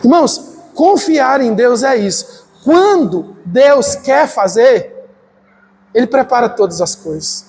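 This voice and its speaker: A man's voice: very high-pitched, slow. A middle-aged man from Northeast Brazil, a pastor telling personal stories in a sermon and acting out the dialogue. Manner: animated storytelling, acting out dialogue. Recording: church hall with long reverb, faint noise.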